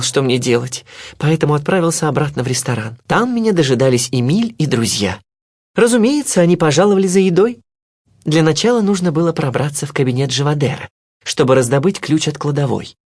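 A man's voice: on the high side, a little mellow. A man reading a children's storybook aloud as narrator, telling it in the first person with expression.

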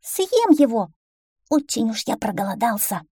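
A tiny, greedy duckling bragging at the top of his high little voice, as a woman reading a storybook puts him on. He sounds cocky and shrill, and his tone leaps around. The sound is dry and close. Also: sing-song, measured pace, warm tone, slightly rough, dry recording, heavily acted. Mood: boastful.

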